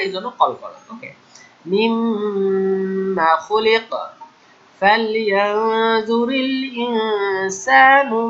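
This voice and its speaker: A man from Bangladesh teaching tajweed, chanting verses slowly and then explaining the rules in quick, plain speech. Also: high voice, pushed and bright, muffled recording. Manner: alternates slow drawn-out recitation with quick explanations. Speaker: Quran teacher. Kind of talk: tajweed recitation lesson.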